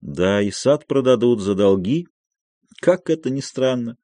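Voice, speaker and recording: A man voicing an older noble gentleman who grumbles dryly, in an audiobook of a play. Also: mid-range voice, lively intonation, a little slow, no echo, lightly acted. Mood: grumbling.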